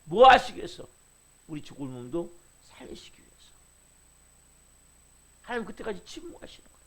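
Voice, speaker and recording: A middle-aged male pastor preaching a sermon with impassioned swells and sudden quiet drops. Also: high voice, very animated, a little fast.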